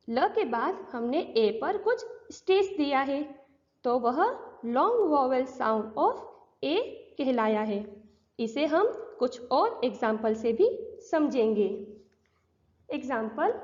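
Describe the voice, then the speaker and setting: A woman teacher with an Indian English accent giving a school grammar lesson, moving from deliberate English into Hindi explanations. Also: high voice, darkish tone. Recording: dull lo-fi recording.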